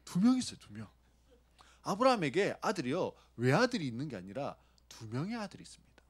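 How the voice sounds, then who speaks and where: A man's voice: on the high side, wildly swooping pitch, a little fast, husky. A man preaching a sermon, asking the congregation questions and acting out short lines of dialogue. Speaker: pastor.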